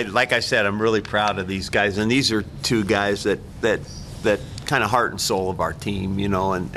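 A man's voice: deep voice, pushed and bright, a little hiss or hum. An older man, a head coach, speaking plainly at a post-game press conference and often restarting his sentences. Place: press room, seated at table. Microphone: table mic.

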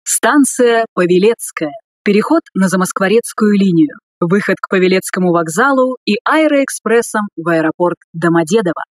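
A woman reading scripted subway announcements in a formal, measured way. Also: mid-range voice, expressive, no echo.

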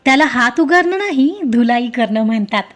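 A woman voicing a calm, self-assured young man who answers a bully with amused dismissal in a storybook reading. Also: fairly high pitch, moderate pace, soft background music. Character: calm, cocky young male hero.

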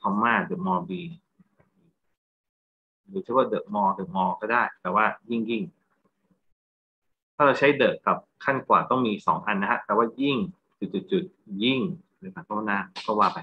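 A man's voice: on the low side, a little slow, pauses often, slightly rough. Thai man explaining grammar, slightly lo-fi. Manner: explanatory, asks rhetorical check questions. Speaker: English grammar teacher. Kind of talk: classroom lecture, explaining exam answers.

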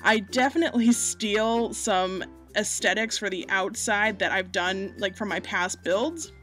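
A woman's voice: mid-range voice, measured pace, a bit bright, faint music behind. A chatty, self-deprecating woman from Massachusetts, rambling through a casual home voiceover over gameplay while recorded under a blanket. She breathes audibly and laughs often. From Massachusetts, United States. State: breathing audibly, getting hot. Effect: muffled, recorded under a blanket. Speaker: gaming YouTuber.

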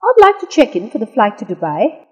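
A woman with a husky, breathy voice pitched a little high reads practice dialogue lines with a lively, rising and falling melody. Her delivery is slow and carefully enunciated, and a long reverb trails behind each phrase. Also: muffled recording. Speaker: dialogue reader in an English lesson. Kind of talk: scripted dialogue reading.

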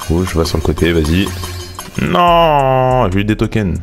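A young man casually commenting on a sports video game, thinking aloud and getting excited over pack openings. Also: deep voice, fast talker, over music. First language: French. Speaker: gaming YouTuber.

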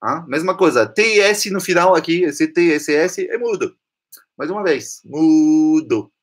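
A French man teaching the pronunciation of a song's lyrics, singing lines slowly and then explaining them. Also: sits high, lively intonation, a bit bright, husky.

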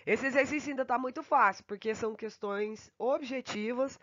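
Woman teaching slow English examples. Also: fairly high pitch, fairly bright tone, no room sound. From Brazil. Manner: slow, drawn-out English examples between quick asides. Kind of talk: remote lesson explaining grammar. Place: at home. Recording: dull, dry home recording.

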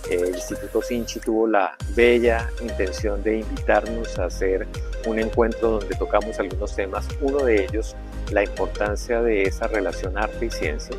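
A man giving a formal, articulate explanation in measured phrases. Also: fairly low pitch, steady tone. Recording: music bed behind the voice.

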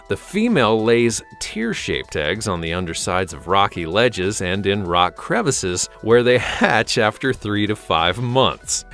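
A man's voice: on the low side, a bit bright. A man narrating a scripted documentary countdown in a presentational, emphatic way. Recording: music behind the voice. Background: background music.

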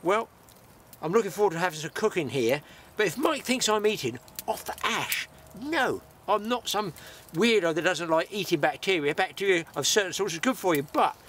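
A man's voice: high-pitched, lively intonation, normal speed, a bit bright, a little hiss or hum. A middle-aged man chatting and joking as he demonstrates a homemade grill, recorded outdoors at a woodland camp by a camera a little way off. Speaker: host's father.

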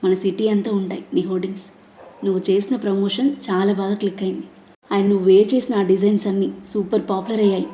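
A woman's voice: mid-range voice, roomy sound, a little hiss or hum, natural voice, poor audio. A woman reading the lines of a proud, affectionate young husband in a storybook reading. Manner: warm, proud.

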